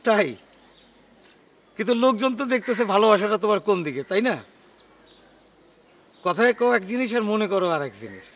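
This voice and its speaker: An actor playing a sarcastic bachelors' club member who taunts an old friend, in a television drama. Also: male voice, sits high, expressive, brisk, pauses often, a bit bright.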